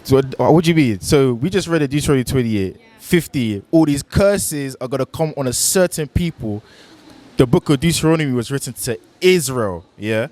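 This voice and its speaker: A man from Nigeria at mid pitch leads a religious debate. He keeps quizzing the other person with short, pointed questions and checks that they are following him. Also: lively intonation, moderate pace, darkish tone. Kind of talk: street debate.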